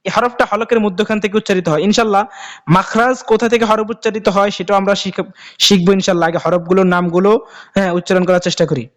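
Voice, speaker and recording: A man's voice: sits high, steady tone. A man teaching a Quran class, explaining how to say Arabic letters and drawing out each letter name for practice, with a Bangladeshi Bengali accent. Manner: drawn-out, repeated letter names for practice.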